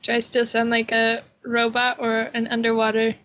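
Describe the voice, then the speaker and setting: A woman co-hosting a podcast in casual, bubbly chat, quick to laugh. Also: on the high side, completely flat delivery, a bit bright. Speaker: podcast co-host. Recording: muffled lo-fi mic.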